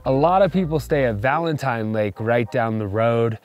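An upbeat man talks into a handheld camera while camped outdoors in the mountains. His voice sits at an ordinary middle pitch, and his narration is loose and conversational. Faint music plays underneath. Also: expressive, normal speed, highs cut off. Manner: chatty, enthusiastic. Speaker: vlog host. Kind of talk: casual outdoor vlog narration.

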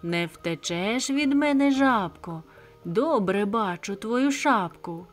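A woman voicing a gleeful, hungry male stork who teases in a slow sing-song way in a storybook tale. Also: mid-range voice, animated, a bit bright, faint music behind. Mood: sing-song teasing.

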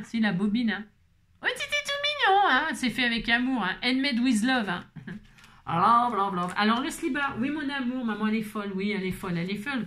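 A woman's voice: medium pitch, a bit bright, a little hiss or hum. A woman craft vlogger chatting casually and playfully, tagging "hein" onto her sentences and breaking into bits of song. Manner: bubbly, chatty, playful, sings snippets; repeats "hein" constantly. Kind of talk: casual chat.

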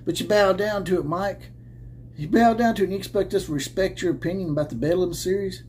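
In a high-pitched, darkish voice, talking fast, the college football channel host, a man in his thirties, rants combatively to the camera. He mocks with laughter and sarcasm from an indoor room with caps on the wall, framed head and shoulders at his desk, with a faint hiss or hum.

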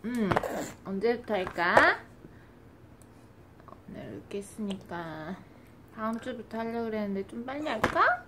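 A woman's voice: on the high side, lively intonation, a little slow, long pauses. Sing-song young mother coaxing a baby. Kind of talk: casual home video. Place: home. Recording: noisy home recording.

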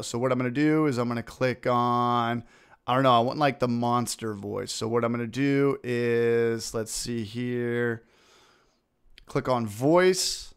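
A man hosting a screen-recorded software tutorial, upbeat and informal, talking through each click. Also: medium pitch, clear, resonant tone. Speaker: video tutorial host.

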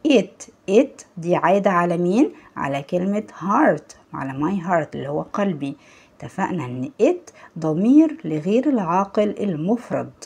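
A woman with an Egyptian accent and a low, darkish, husky voice teaches English to young children in an online lesson. She patiently repeats words and praises her pupils.

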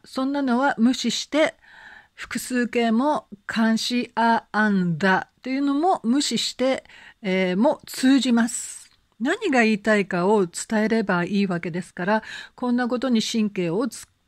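A woman teaching English conversation in an online lesson, speaking in a gentle, encouraging way with frequent fillers and reading out slow, careful English examples for learners to repeat. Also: fairly high pitch, no room sound, studio quality.

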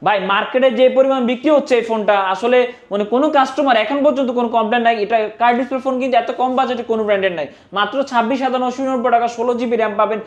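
A Bangladeshi salesperson giving a hard-sell promotional pitch for products in an insistent, repetitive, urging manner. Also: fairly even intonation, racing, hardly any pauses. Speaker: phone shop salesperson.

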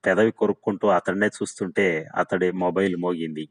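Low-voiced guy reading a novel out loud, calm and even. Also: fairly quick, no echo, poor audio. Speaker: audiobook narrator. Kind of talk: scripted novel narration.

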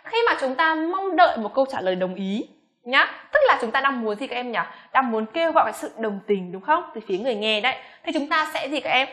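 A woman whose first language is Vietnamese, teaching English pronunciation to students and reading each example sentence slowly with exaggerated rises and falls. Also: high voice, sing-song, a bit bright. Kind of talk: classroom-style lesson addressing students.

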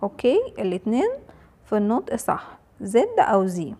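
A young woman with an Egyptian Arabic accent, teaching an English phonics lesson to small children and repeating each sound slowly. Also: mid-range voice, big pitch swings, mellow. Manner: slow, drawn-out sounding of letters and words, repeated for children.

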